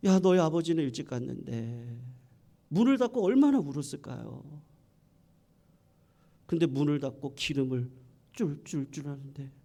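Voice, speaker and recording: A man's voice: mid-range voice, creaky, warm tone, slightly rough. A middle-aged man preaching a sermon as pastor, telling the story dramatically, asking the congregation questions and acting out the people in it.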